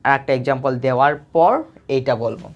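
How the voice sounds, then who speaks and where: Woman math teacher, low voice, patient and repetitive, answers her own questions. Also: fast talker, lo-fi sound. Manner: patient, repetitive explaining, asks questions and answers them herself. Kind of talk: recorded video lesson.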